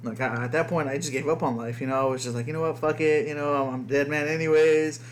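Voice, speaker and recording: A young American man, a dad whose first language was Spanish, co-hosts a podcast and chats loosely, rambling, swearing a lot and leaning heavily on fillers. His voice sits on the high side, steady in tone and fast, with slight background noise.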